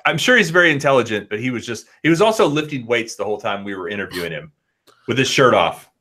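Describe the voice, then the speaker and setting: A man in his late forties, a guest on an online video-call chat, telling rambling stories in a lively, animated way. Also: medium pitch, quick pace. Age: 40s. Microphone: headphones and laptop on a video call.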